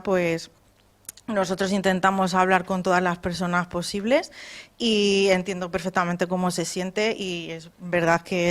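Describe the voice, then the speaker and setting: Spain Spanish woman, flat delivery; polite, hesitant, filler-heavy demo dialogue. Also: lowish voice. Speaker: witness in practice demonstration. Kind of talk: rehearsed conversation demo.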